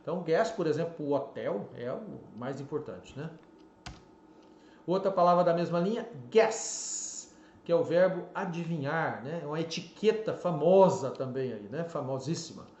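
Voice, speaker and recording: A fairly high-voiced Brazilian man with a Brazilian Portuguese accent gives a casual online teaching lesson, punching out each example word and tagging his sentences with little checks. The sound is roomy and a bit dull, with faint ambience behind him. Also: normal speed, slight background noise. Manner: animated, stresses example words, frequent "né?" and "ok?". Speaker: English teacher.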